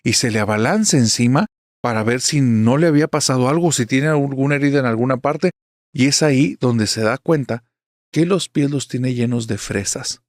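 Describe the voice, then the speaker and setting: A man's voice: medium pitch, moderate pace, no room sound, studio quality. A man narrating a horror story in a chatty way, speaking straight to the listener. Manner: chatty, addresses the listener directly.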